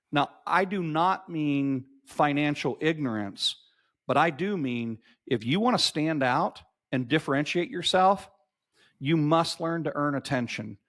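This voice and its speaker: A man's voice: a little high, a bit bright. A man in his fifties, a podcast guest telling stories in an emphatic, motivational way and repeating key phrases for effect. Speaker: podcast guest, marketing agency owner. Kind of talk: animated interview storytelling.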